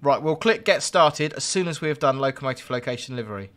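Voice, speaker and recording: A train driver hosting a live-streamed game chats jokingly and ramblingly with viewers as he plays. He speaks fast and animatedly in a medium-pitched, somewhat bright voice.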